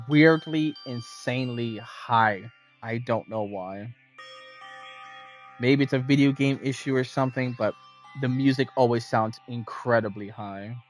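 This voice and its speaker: A man streaming a game, casually commenting and reading aloud as he plays. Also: medium pitch. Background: faint game music.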